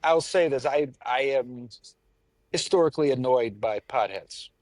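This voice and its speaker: A man's voice: medium pitch, unhurried, a little mellow, dry recording. A man from the Pacific Northwest co-hosting a casual chat, rambling and self-mocking, often trailing off and restarting. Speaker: podcast co-host.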